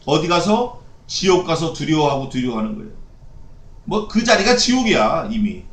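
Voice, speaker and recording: A male pastor delivers a sermon in a fairly high voice, firing rhetorical questions at his congregation and hammering home short repeated phrases. The sound rings around a reverberant church hall. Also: a bit bright. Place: church sanctuary.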